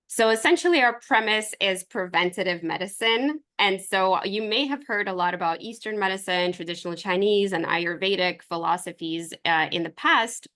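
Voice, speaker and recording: A Ukrainian woman presents her herbal supplement line over a video call while sharing her screen, keeping it informal, enthusiastic, and conversational. She speaks at a moderate pace with few pauses, her medium-pitched voice fairly bright.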